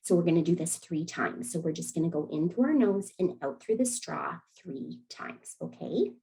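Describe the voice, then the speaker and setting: A woman who facilitates an early years program, gently demonstrating calming breathing techniques with an encouraging manner and easy laughter. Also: on the low side, moderate pace, creaky, rough recording. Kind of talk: friendly instructional demonstration.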